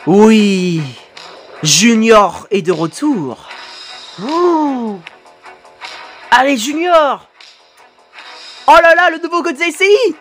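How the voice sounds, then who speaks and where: Woman, reaction video host, high voice, very animated, cheers and swears, faint music behind. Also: slow, pauses often. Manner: excitable, cheering and swearing at the screen; turns hushed and emotional at sad moments. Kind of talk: live reaction commentary.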